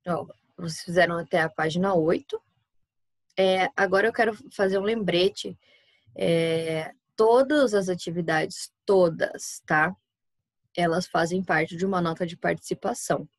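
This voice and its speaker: Brazilian woman teacher with a low voice and a dry computer mic, patient, walks students through each step of an online class. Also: steady tone, moderate pace, dry recording. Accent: Brazilian Portuguese. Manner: patient, explains step by step, often checks with "tá?". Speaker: Spanish teacher.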